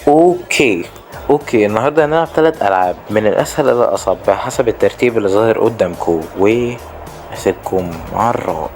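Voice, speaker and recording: A man's voice: on the low side, lively intonation, fast talker, a little mellow, faint music behind. A man with an Egyptian accent giving casual, jokey let's-play commentary, chatting straight to his viewers. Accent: Egyptian Arabic. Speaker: gaming YouTuber.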